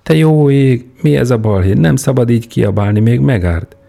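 A man voicing a caring, fussing woman who gently scolds a patient. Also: medium pitch, creaky, voice pushed up, natural voice.

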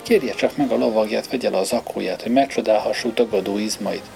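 A man's voice: on the low side, creaky, a little mellow. A man reading the part of a sarcastic, bullying drum major in an audiobook, with music playing underneath. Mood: mocking. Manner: taunting, sarcastic.

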